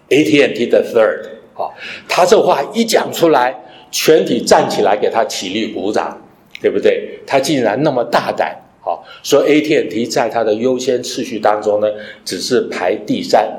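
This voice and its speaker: A pastor with a medium-pitched, darkish voice preaches a sermon in an echoey room. He teaches, puts rhetorical questions to his listeners, and mixes English phrases into his talk.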